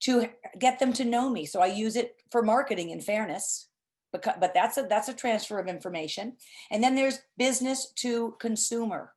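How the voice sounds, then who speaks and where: A woman's voice: a little high, moderate pace, a little mellow. A middle-aged woman hosting an informal webinar, explaining things in an emphatic, chatty and effusive way. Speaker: host, presenter.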